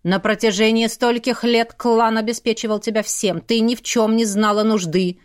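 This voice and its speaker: A woman's voice: fairly high pitch, fairly even intonation, moderate pace, lightly acted. A woman voicing a stern, cold aristocratic father who heads a clan, with a commanding manner.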